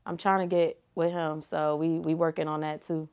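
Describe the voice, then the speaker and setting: Laid-back slangy young woman, smooth voice. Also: low voice, level tone, moderate pace, lo-fi sound. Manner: laid-back, slangy, frequent "like" and "you feel me". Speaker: rapper and reality TV personality, guest. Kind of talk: casual interview answers.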